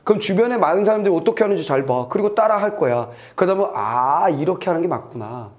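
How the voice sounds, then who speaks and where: Lively middle-aged man, playful lecturer, acts out scenes, high-ish voice. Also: quick pace. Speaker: Korean literature tutor. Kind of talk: lecture with acted examples.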